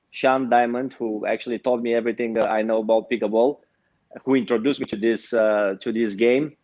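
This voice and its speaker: A man's voice: medium pitch, darkish tone, no echo. Romanian accent guy, lots of uhs, dull dry lo-fi sound. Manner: hesitant, many filler sounds. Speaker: guest, pickleball pro. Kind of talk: casual interview chat.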